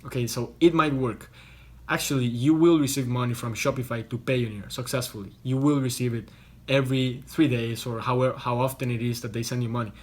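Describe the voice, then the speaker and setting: A man's voice: medium pitch, steady tone, fairly quick, a little mellow. Young guy from costa rica doing a chatty vlog from a hotel room, keeps restarting words, normal mid voice. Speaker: online business vlogger. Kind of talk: casual explainer to camera.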